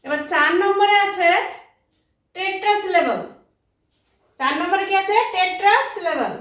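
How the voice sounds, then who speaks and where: A woman teaching a grammar lesson, speaking slowly and spelling out words letter by letter. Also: very high-pitched, a bit bright. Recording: very echoey room, mic far off.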